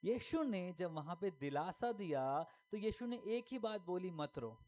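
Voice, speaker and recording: A man's voice: high-pitched, lively intonation, measured pace, mellow, a little hiss or hum. A male pastor preaching a sermon emphatically, firing rhetorical questions and repeating key lines.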